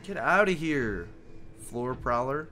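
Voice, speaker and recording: A man's voice: medium pitch, animated, slow, bright, forceful tone, slight background noise. A man giving casual gameplay commentary as host, rambling and joking, swearing often. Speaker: gaming video host.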